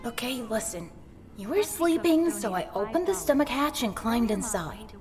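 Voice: mid-range voice, very animated, moderate pace, natural voice. A performer voicing a frightened, bossy young boy in a video game, urgent and blunt. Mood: bossy, annoyed.

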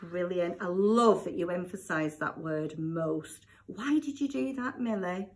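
A woman teacher, warm and full of praise, coaching a young child through a reading lesson with expressive, swooping intonation. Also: on the low side, measured pace. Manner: warm, encouraging, lots of praise.

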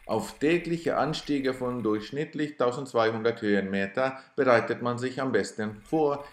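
A cyclist narrates his trip video in a scripted voice-over, delivering dry, self-ironic storytelling at a slow pace. A native Swedish speaker, he has a medium-pitched voice with a reverberant sound.

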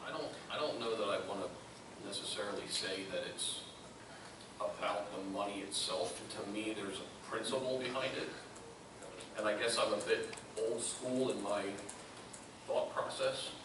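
Low man making an earnest halting point. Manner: earnest, halting, many restarts. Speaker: school board member. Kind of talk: meeting debate. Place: large meeting room. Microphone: far room camera. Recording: echoey room from far off, hissy.

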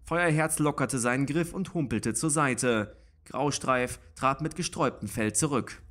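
A man reading a story aloud in a steady, expressive narration. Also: medium pitch, unhurried. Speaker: audiobook reader.

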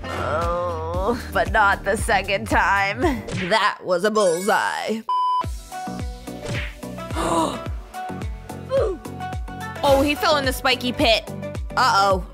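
A woman's voice: mid-range voice, big pitch swings, slow pace, music in the background. A woman hosting a playful, kid-friendly reaction video in a theatrical way, with exaggerated gasps and exclamations.

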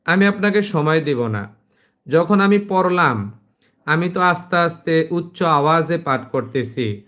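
A man with a Bangladeshi Bengali accent leads an online Quran class. His voice sits a little high for a man, and he speaks slowly and patiently. He stretches each recited verse out before explaining it plainly to his students. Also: animated, fairly bright tone. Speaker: Quran teacher.

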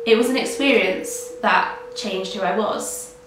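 A woman's voice: mid-range voice, a little slow. A young woman speaking earnestly and reflectively about her life as a gamer, to camera. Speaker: gamer interviewee. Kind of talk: personal testimony to camera. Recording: echoey room, distant mic, faint noise.

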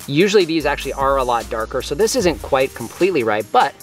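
A man's voice: medium pitch, sing-song, fast talker, faint music behind. A man giving a casual, enthusiastic walkthrough of his fruit trees outdoors, sometimes talking while eating. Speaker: homesteading vlogger. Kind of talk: casual garden walkthrough to camera. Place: outdoors in an orchard.

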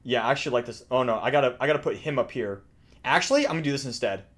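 Rapid-fire and animated, a young man's mid-range, slightly bright voice drives his reaction to game voice lines. He records in a small room at home as a video creator, keeping it casual, exaggerated and jokey with frequent swearing.

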